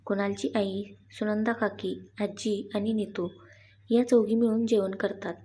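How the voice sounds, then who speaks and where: A woman narrating a scripted story in an even, plain reading voice. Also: medium pitch, unhurried, slightly rough.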